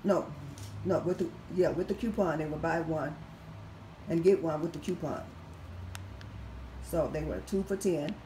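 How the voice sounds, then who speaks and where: A raspy-voiced couponing vlogger in her 50s, recovering from surgery, slowly walks through a casual product haul, methodically reading prices off receipts. Her voice is low and dark-toned. She films at home indoors with a phone camera held over the items, in an echoey room with faint background noise.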